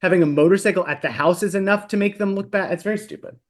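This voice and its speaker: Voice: mid-range voice, quick pace. A podcast co-host in a casual book discussion, thinking aloud and reflecting on the characters.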